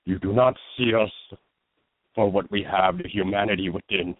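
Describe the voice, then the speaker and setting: A man voicing a vengeful male orc mage villain raised by elves, speaking slowly in a deeper, menacing tone over a narrow, phone-like line. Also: steady tone, no echo. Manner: slow, deeper menacing delivery.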